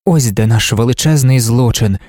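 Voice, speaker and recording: Male narrator playing a reflective young lover, measured and philosophical, mellow tone, dry close sound. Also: mid-range voice, no room sound, lightly acted. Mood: musing. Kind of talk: audiobook reading.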